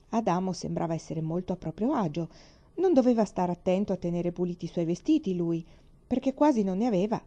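Dark-voiced woman reading a storybook. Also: medium pitch. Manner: calm, measured reading. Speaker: reader. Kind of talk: storybook narration. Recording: dull lo-fi recording.

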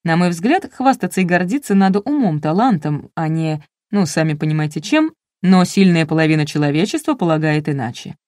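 A woman's voice: low-pitched, lively intonation, a little fast, hardly any pauses, a little mellow, no echo, studio quality. A woman narrating a first-person audiobook in a wry, ironic storytelling manner.

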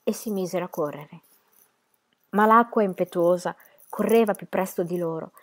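A woman reading a novel aloud in steady, dramatic audiobook narration. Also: lowish voice, normal speed. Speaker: reader.

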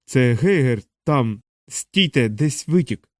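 A man's voice: mid-range voice, animated, slow, no room sound, clean studio sound. A man reading an audiobook and voicing an agitated male physicist in a raised, urgent voice. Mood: alarmed.

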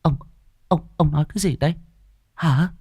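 A man's voice: a little high, normal speed, dark tone, husky, no echo, clean studio sound, pitched above the performer's own voice. A man voicing a terrified old village grandmother in a ghost story, stammering and wailing her pleas. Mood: frantic wailing.

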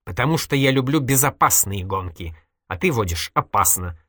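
A woman's voice: extremely low pitch, animated, normal speed, a bit bright, dry recording, clean studio sound, exaggerated voice. A reader voicing a stubborn teasing young woman. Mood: needling. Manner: needling, reproachful. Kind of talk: audiobook character voice.

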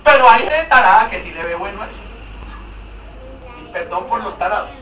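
The pastor's voice is high and fairly quick as he preaches with animated humor, firing questions at the congregation. Noise runs through the background. A distant mic captures him in an echoing hall.

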